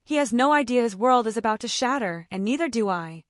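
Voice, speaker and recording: Woman reading a story, kinda high voice, bouncy delivery, super dry close sound. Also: expressive, brisk, dry recording. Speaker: narrator. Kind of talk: first-person story narration.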